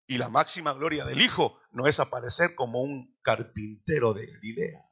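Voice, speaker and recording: A man preaching a sermon in a church, slowing down dramatically for quoted lines. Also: mid-range voice, sharp tone, breathy edge, dull audio. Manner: dramatic preaching with slow emphatic quotations. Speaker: pastor.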